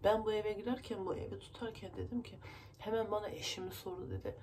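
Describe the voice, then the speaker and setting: A woman talks straight to her viewers, rambling and agitated as she vents, with her nose stuffed up from crying. Her voice sits at a middling pitch. A faint noise runs under her words. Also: fairly even intonation, fast, darkish tone. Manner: agitated, rambling, emotional venting. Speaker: vlogger. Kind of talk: casual vlog talk to viewers.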